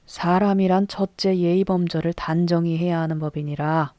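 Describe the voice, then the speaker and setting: A woman's voice: on the low side, level tone, normal speed, warm tone, dry recording, clean studio sound, lightly acted. A woman reading the part of a strict older male Buddhist abbot who lectures a young novice. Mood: stern. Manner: strict, admonishing.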